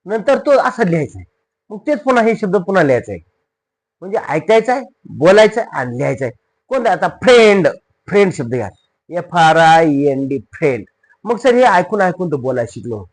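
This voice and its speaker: In a spoken lesson styled like a classroom, an English teacher with a high voice teaches spelling. He slowly spells words out letter by letter, asking the students questions and then answering them on his own.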